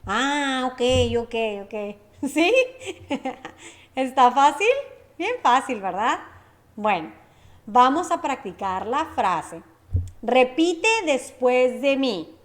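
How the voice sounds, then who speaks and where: Slow, high-voiced woman teaching. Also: expressive. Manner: checks in often with short questions. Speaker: Spanish teacher. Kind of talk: language lesson with repeat-after-me drills.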